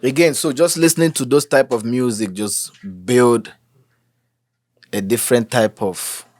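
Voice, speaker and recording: Here a young Nigerian man with a Nigerian accent, a musician, talks casually in an interview, easygoing, frequently saying "you know" and shifting into Pidgin. His mid-range voice runs a little slow, in studio quality with no room sound.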